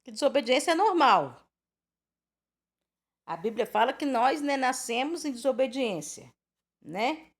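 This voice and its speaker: A young woman from Brazil teaches from the Bible in a loose, talkative way. She piles up rhetorical questions. Her voice sits a little high and leaps all over the place. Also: a little slow, long pauses. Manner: animated, chatty, rambling with diminutives and rhetorical questions. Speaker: preacher.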